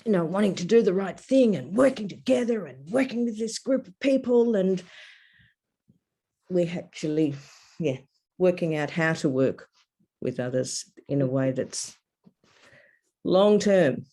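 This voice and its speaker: Woman, mellow tone, halting reflective video-call talk. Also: lowish voice, animated, slightly rough. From Australia. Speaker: workshop participant. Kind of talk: casual discussion on a video call. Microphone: laptop webcam on a video call.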